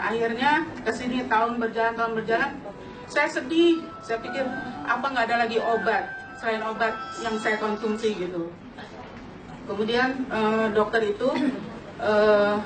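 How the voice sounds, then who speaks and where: High-voiced woman near fifty, animated. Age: late 40s. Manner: animated, laughing often, addresses the audience directly. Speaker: customer giving a testimonial. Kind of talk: lively personal testimony to an audience. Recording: echoey hall, distant mic, audience around.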